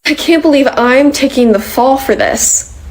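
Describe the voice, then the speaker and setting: A woman's voice: sits high, unhurried, a little hiss or hum, poor audio. A woman voicing a frustrated young female worker in a comedy cartoon, protesting and indignant. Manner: exasperated, protesting. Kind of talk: animated comedy dialogue.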